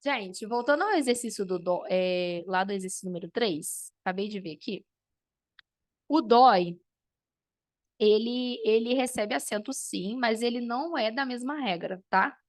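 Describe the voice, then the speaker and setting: A woman's voice: on the high side, normal speed. A woman teacher, teaching an online class and explaining step by step while checking in with her students.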